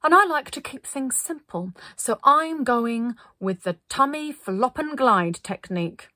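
A woman voicing a bossy, officious woman who leads a group, giving flat, businesslike commands loudly and slowly. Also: sits high, dry recording, clean studio sound, voice pushed up, heavily acted. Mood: instructive.

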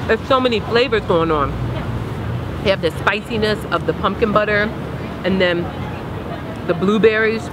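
A woman's voice: mid-range voice, moderate pace, pauses often, crowd noise. A woman co-hosting a food review at an outdoor market, talking while chewing as she eagerly savors a taste. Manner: enthusiastic, savoring. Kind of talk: casual food tasting chat. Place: outdoor city farmers market. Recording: outdoor street noise with traffic.

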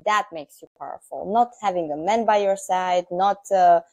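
A Romanian-accented woman in her thirties, a guest dermatologist, speaks emphatically with many fillers in a casual interview chat over a video call. Her voice is lowish and darkish at a moderate pace, picked up by a lapel mic in an indoor room with a sofa, with no echo.

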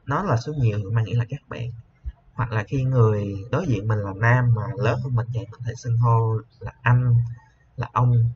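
A male teacher explains an English lesson. He is patient, repeats each word slowly, and often adds a soft tag to his sentences. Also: medium pitch. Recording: slightly dull lo-fi with faint hiss.

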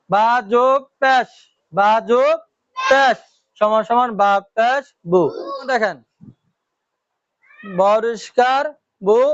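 A man teaching Quran reading in a slow classroom lesson with a Comilla Bengali accent, drilling pupils with repeated questions and answers. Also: very high-pitched, fairly bright tone, no echo, muffled recording.

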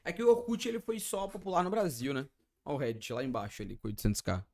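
A young man with a Brazilian accent, streaming and reacting excitedly with lots of slang and exclamations. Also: fairly high pitch, fast, vocal fry. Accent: Brazilian Portuguese.

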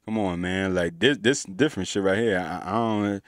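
A man's voice: low voice, fairly quick, no echo, studio quality. A man hosting a reaction video, talking in casual slang with hyped, emphatic praise and stammering restarts.

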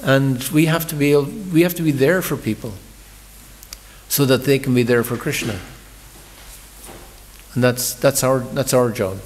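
A man's voice: mid-range voice, measured pace, pauses often, in a large hall, a little hiss or hum. A man giving a morning scripture class, talking in a conversational storytelling sermon, often repeating words as he restarts. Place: large temple hall.

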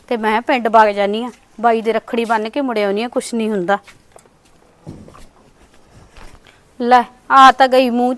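A woman's voice: fairly high pitch, dry recording, lightly acted. A woman playing an anxious young married sister who hesitantly thinks aloud in a family short drama. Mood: hopeful. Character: anxious young married sister wanting to visit her brother. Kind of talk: family short-video acting.

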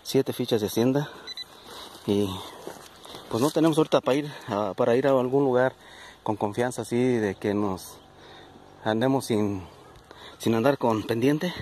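Un hombre con acento mexicano que narra con tono de charla su búsqueda con detector de metales en un campo, hablándole a sus seguidores como amigos. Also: male voice, medium pitch, moderate pace, pauses often, a little mellow, a little hiss or hum. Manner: chatty, addresses viewers as friends. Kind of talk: casual outdoor vlog narration. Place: outdoors in a plowed field.

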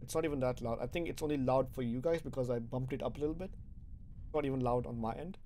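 A man with a loud, talkative voice commentates his gameplay live for viewers, mid-pitched and chatty throughout. A constant hiss of background noise sits under his voice. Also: quick pace. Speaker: gaming streamer.

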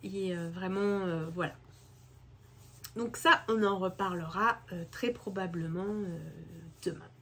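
A woman's voice: on the low side, unhurried, pushed and bright, husky. A woman chatting casually about knitting and books in a rambling way, full of hesitations. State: hoarse from a head cold. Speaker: craft vlogger. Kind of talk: casual chat. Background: washing machine running.

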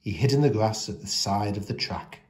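A man with a voice on the low side reads a children's picture book aloud like a storyteller, giving the rhymes an expressive, deliberate delivery.

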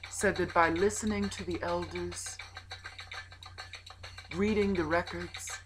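A woman storyteller telling a folk tale in a slow, expressive performance that sometimes drops to a whisper. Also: low-pitched, rough recording. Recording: added nature ambience.

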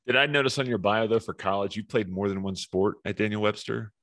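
A man with a low voice hosts a podcast, reading his intro in a brisk, upbeat announcer manner. His voice sounds dry and close, with no room echo. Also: a bit bright. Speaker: podcast host. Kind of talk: scripted intro and interview questions.

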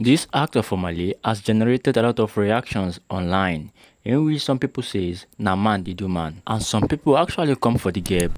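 Brisk man doing a channel intro. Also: fairly low pitch, dry recording. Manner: brisk, formulaic. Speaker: YouTube entertainment channel host. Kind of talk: scripted voice-over intro.

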